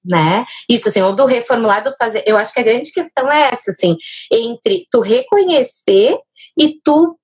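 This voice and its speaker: A woman's voice: on the high side, expressive, normal speed, darkish tone, husky. A woman explaining child speech development on a live stream, with a manner full of fillers. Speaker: speech therapist guest.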